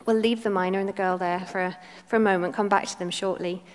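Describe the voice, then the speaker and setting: A woman's voice: mid-range voice, fairly even intonation, fast talker, big-room sound. A woman giving a talk in a sermon, reading a story aloud expressively. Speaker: speaker.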